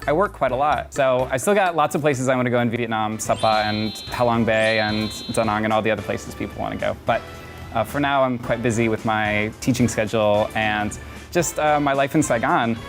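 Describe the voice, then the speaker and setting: Young man from the US South, a guest on a talk show, chatty and open, mid-range voice, some soft music under him. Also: mid-range voice, fairly even intonation, fairly quick. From Atlanta, Georgia, United States. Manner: open, chatty, with frequent fillers. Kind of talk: casual talk show interview.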